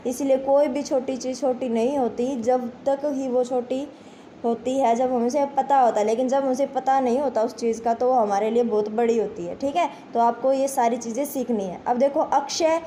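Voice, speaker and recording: High-voiced woman teaching grammar. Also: dark tone, a little hiss or hum. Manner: explains step by step, asks questions and answers them herself; addresses pupils as children, repeats "ठीक है". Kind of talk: Hindi grammar lesson for exam students.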